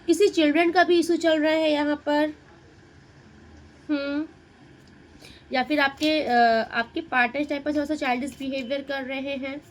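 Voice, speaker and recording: High-voiced woman giving a tarot reading. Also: little pitch movement, normal speed, pauses often, low-quality recording. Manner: Hindi-English mix, addresses viewer directly, muses over cards. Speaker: tarot reader.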